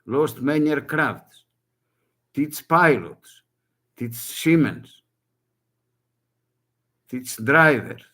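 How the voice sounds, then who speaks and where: An older native Greek speaker records his own video to make an urgent public appeal. He talks very slowly with long pauses, his mid-range voice a bit bright and lively in intonation, while his Greek-accented broken English relies on short, repeated phrases.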